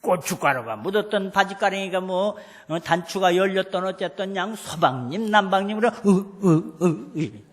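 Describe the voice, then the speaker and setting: High-voiced pastor in a reverberant church. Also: male voice, expressive, a little fast, hardly any pauses, a bit bright. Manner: acts out scolding voices, calls for the congregation to repeat after him. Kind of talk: folksy sermon. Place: church sanctuary. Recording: long church hall reverb.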